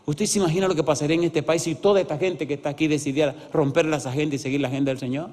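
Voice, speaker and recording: A man preaching an animated sermon as pastor, often asking the congregation yes-or-no questions and acting out voices in his stories. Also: on the high side, very fast. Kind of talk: lively evangelical sermon with acted-out stories. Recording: reverberant church hall.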